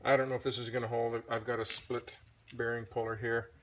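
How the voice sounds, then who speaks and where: A man's voice: mid-range voice, level tone, fairly quick, a bit bright, a little hiss or hum. A man doing a casual workshop how-to, easygoing and thinking aloud with fillers, recorded on a propped-up phone in a home workshop. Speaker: hobbyist motorcycle restorer. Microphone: phone propped in a holder.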